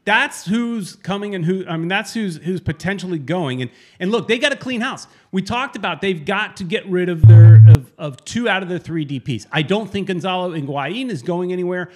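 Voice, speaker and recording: Guy co-hosting a sports podcast, kinda high voice, rambles, restarts a lot, gets loud in bursts. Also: normal speed, hardly any pauses. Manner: rambling, self-correcting, animated bursts. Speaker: podcast co-host. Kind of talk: casual sports chat.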